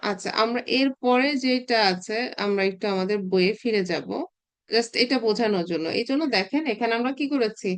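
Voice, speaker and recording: A woman, teaching a recorded Arabic grammar class and explaining patiently, often pausing on filler words as she thinks. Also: on the high side. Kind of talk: recorded online class lecture.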